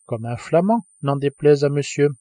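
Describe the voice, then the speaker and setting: A man doing a calm, deferential manservant. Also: a little high, moderate pace, no room sound, natural voice. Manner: tranquil, deferential. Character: calm, placid adult male manservant.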